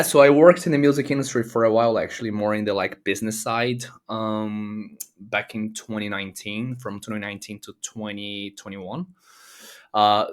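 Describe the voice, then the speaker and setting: A young man from Brazil chatting casually as an interview guest, relaxed, with lots of fillers and easy laughter. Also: on the low side. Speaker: guest, comedy content creator.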